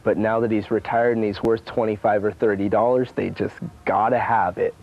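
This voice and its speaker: A man's voice: fairly low pitch, fairly even intonation, moderate pace, creaky, muffled recording. A man explaining collectible prices to camera in an easygoing way with frequent ums, heard through a worn VHS tape copy. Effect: worn VHS tape sound. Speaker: collectibles dealer.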